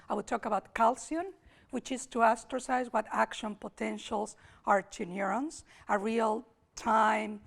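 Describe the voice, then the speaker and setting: A woman from Spain, speaking with a Spanish accent in a voice on the high side, delivers an academic lecture at a summer school despite being hoarse today. She thinks aloud as she goes, restarting sentences and repeating words.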